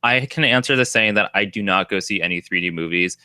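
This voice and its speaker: A man's voice: sits low, fast talker, sharp tone, smooth, dry recording, clean studio sound. A man co-hosting a casual geek chat over a video call, rambling and heavy on filler words. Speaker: co-host.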